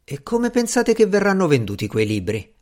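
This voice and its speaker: A man's voice: high voice, sing-song, normal speed, darkish tone, pitched above the performer's own voice. A man reading a fussy, fretful old magician. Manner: fretful, possessive pleading. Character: fussy anxious middle-aged male magician. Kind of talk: audiobook character reading.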